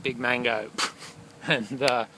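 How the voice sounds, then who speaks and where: Male runner, worn out, musing aloud, mid-pitch, heavy road noise behind. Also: fairly even intonation, takes it slowly. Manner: rambling, thoughtful, lots of fillers. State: tired after a long run. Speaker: solo long-distance runner vlogging. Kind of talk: casual reflective video diary. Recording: loud traffic noise outdoors.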